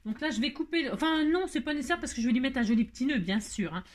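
A woman's voice: sits high, animated, rapid-fire. A French woman hosting a crafting tutorial, talking to herself as she works, with exasperated sighs and small laughs. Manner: muttering, self-talking, exasperated asides and little laughs. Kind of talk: chatty hands-on crafting tutorial.

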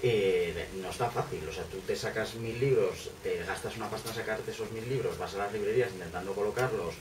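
A man's voice: lowish voice, brisk. A man, speaking on a bookshop author panel, rambling with many fillers and restarts. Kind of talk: casual panel discussion. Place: bookshop café, seated at a table. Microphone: far camera. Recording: echoey room, distant mic, noise.

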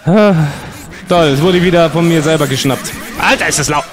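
A man commenting excitedly on a horror game as a let's-play host, exclaiming and yelping often. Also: a little high, normal speed. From Germany. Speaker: gaming YouTuber.

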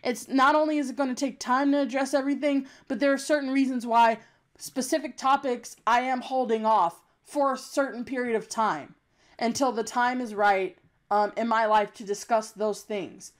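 Speaking at normal speed with a steady tone, a young adult woman's slightly high, youthful voice sounds young. As a YouTube commentator, she delivers an unscripted, blunt, emphatic rant peppered with swearing.

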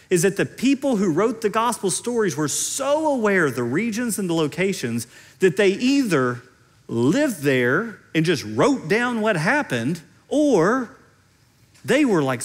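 A middle-aged man with a Central Kentucky accent preaching in a conversational, explanatory way, repeating phrases for emphasis. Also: sits high. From central Kentucky, United States. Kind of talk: teaching sermon on stage. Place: large indoor stage.

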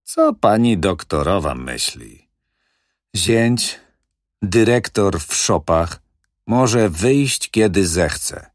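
A man reading the part of a brash, boastful middle-aged male building manager, talking loud and cocky. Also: deep voice, lively intonation, very slow, no room sound, studio quality, exaggerated voice.

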